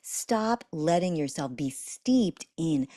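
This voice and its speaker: A woman coaching listeners on a spiritual journey in a self-help teaching talk, expressive and softening to guide slow breathing. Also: low-pitched, dry recording, clean studio sound. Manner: expressive, acts out little quoted voices; slows and softens when guiding breathing.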